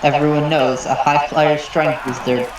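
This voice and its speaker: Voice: mid-range voice, level tone, normal speed. Echo-heavy wrestling commentator, conversational. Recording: very echoey room, noisy ambience.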